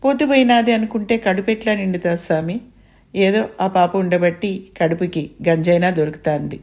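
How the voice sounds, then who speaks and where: A woman's voice: on the low side, moderate pace, darkish tone, voice pushed up, lightly acted. Woman voicing a tearful old village mother. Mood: weary. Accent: Rayalaseema Telugu. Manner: pleading, sobbing dialect speech. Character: grieving elderly village mother, tearful, worn by hardship. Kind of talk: dramatized story reading.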